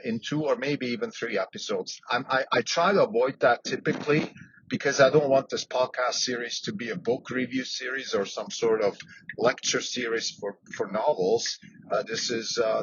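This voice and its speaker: A man who grew up in Switzerland, hosting a solo podcast and thinking aloud, with frequent fillers and restarts. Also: medium pitch. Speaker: podcast host. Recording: dull lo-fi sound with faint background noise.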